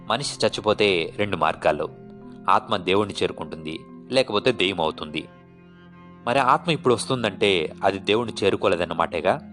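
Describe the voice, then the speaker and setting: A man reading a horror story aloud as a narrator, in a calm storytelling way, lifting his voice for the characters' lines. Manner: calm storytelling, voicing characters with raised pitch. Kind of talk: scripted audiobook narration.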